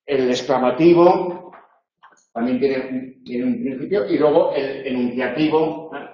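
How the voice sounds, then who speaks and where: A university tutor with a Spanish accent from Spain lectures his tutorial group in a medium-pitched voice, walking through ideas step by step. He corrects himself as he goes and keeps tacking quick questions onto his points. The classroom recording sounds roomy and a little dull.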